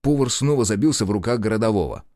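A man narrating an audiobook in an expressive storytelling manner, voicing all the characters. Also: lowish voice, fast, no echo, clean studio sound. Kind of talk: scripted narration.

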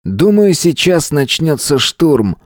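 A man reading an audiobook and voicing a callous young male shooter who mocks and threatens his hostages in a raised, deliberate voice. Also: on the high side, big pitch swings, dry recording, studio quality, pitched above the performer's own voice. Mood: cold threat. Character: cold menacing young male school shooter.

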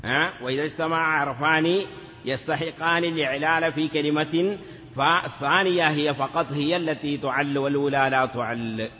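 A man's voice: a little high, steady tone, normal speed, sharp tone, in a large hall, muffled recording. A man teaching a grammar lesson in a classroom, asking questions and answering them himself, sometimes drawing words out in a chanting lilt. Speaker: teacher of Arabic morphology. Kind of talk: classroom lecture.

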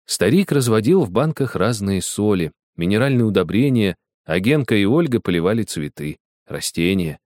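Male storybook narrator, low and animated, dry close recording. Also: moderate pace, few pauses, dry recording. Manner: expressive storyteller who acts out dialogue. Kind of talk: audiobook storytelling.

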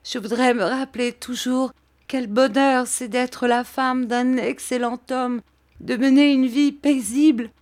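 A woman's voice: sits high, steady tone, unhurried, darkish tone, voice pushed up. A woman doing a sobbing, remorseful young woman. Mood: pleading. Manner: pleading, breaking with sobs.

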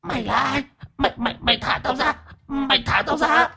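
Man putting on a shrill old demon woman, high and thin, wailing, pleading, storybook spirit. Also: fairly quick, vocal fry, bright, forceful tone, faint music behind, exaggerated voice. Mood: panicked. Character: shrieking old female possessing spirit.

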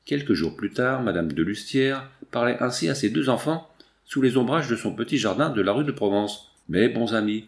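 A man narrating a nineteenth-century novel as an audiobook, in a measured, expressive reading. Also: mid-range voice, creaky.

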